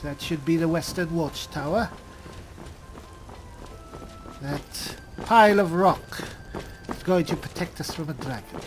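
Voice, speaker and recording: In a video game roleplay, a man voices a wry high elf spellsword who is a reluctant leader. His delivery is dry, halting, and deliberate, with a pensive mood.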